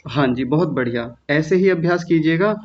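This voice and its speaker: Man, teacher, slightly high voice, patient, slow repetitions, muffled lo-fi online audio. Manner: patient, slow syllable-by-syllable drilling. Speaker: Sanskrit recitation teacher. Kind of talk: online class teaching pronunciation. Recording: dull lo-fi online class audio.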